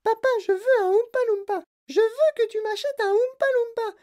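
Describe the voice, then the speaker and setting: A shrill spoiled little girl. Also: normal speed, mellow. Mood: demanding. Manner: whiny, demanding, shrill.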